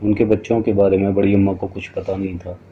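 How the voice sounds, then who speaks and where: A man's voice: low-pitched, flat delivery, quick pace, slight background noise. A man giving a dramatic, scripted first-person horror narration. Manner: dramatic, storytelling. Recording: dull lo-fi recording.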